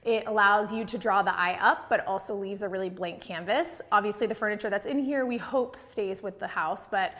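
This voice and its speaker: Inside a big open-plan house with hard floors, an American interior designer in her thirties gives an upbeat, casual tour. Her mid-range, slightly bright voice moves fairly quickly with hardly any pauses, recorded on a clip-on lapel mic.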